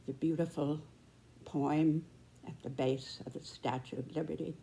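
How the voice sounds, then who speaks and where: An American woman in her nineties giving an earnest commentary like a storyteller, in a deliberate, measured way with pauses between short phrases. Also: deep voice, fairly even intonation, vocal fry, warm tone, a little hiss or hum. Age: 90s. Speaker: speaker giving a personal commentary.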